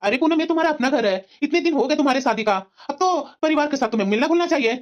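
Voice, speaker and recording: A man's voice: very high voice, animated, rapid-fire. A man voicing a polite young adult son and husband in a cartoon story. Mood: mild. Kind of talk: cartoon dubbing. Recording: dull lo-fi sound.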